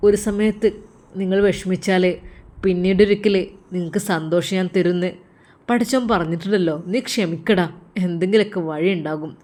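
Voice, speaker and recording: Woman doing a gentle consoling young friend. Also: lowish voice, normal speed, natural voice. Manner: soothing, coaxing.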